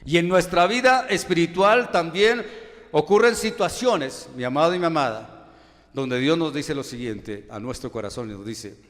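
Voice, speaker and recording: Colombian man, pastor, fairly high-pitched, preaching in a ringing church hall with rhetorical questions and swells of volume. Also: expressive, moderate pace. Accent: Colombian Spanish. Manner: emphatic preaching with many rhetorical questions, loudness rising and falling. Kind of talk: sermon. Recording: long church hall reverb.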